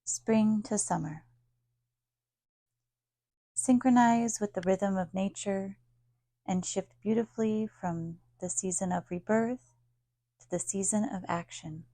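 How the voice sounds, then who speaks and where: This guided meditation comes from a yoga nidra teacher, a woman whose medium-pitched voice is mellow, soft at the edges, and marked by vocal fry. She gives short instructions calmly and soothingly, separated by long pauses, in a close, dry recording with no room sound.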